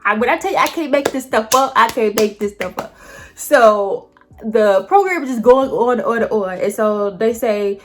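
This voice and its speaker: A woman vlogger telling a story straight to her viewers in an animated, colloquial way. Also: medium pitch. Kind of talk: casual storytelling to camera.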